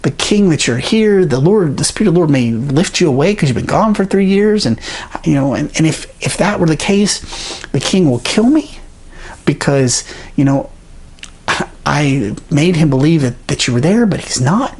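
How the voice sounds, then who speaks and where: A preacher voicing an anxious male court servant who pleads in a worried, raised, quicker voice. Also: mid-range voice, animated, a little mellow, husky. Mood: anxious pleading.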